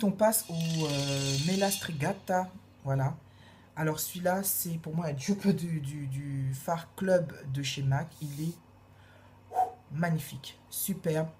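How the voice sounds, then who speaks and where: A woman reviewing makeup in a casual, gushing way, repeating her praise and filling pauses with hesitations. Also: sits low, dark tone, slight background noise. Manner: gushing, repeats praise words, many fillers. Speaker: beauty vlogger.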